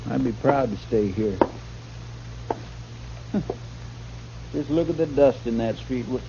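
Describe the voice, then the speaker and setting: A meek, eager-to-please frontier deputy, talks in a folksy, deferential way. His voice is mellow, and it sounds muffled like an old radio broadcast. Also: medium pitch, slow pace, creaky, slight background noise. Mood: earnest. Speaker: marshal's deputy. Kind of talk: 1950s radio drama acting.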